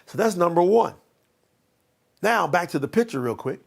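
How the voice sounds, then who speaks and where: Male motivational coach; emphatic, repetitive delivery, raspy fry in the voice. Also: high-pitched, lively intonation, moderate pace. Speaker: life coach. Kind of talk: motivational training talk.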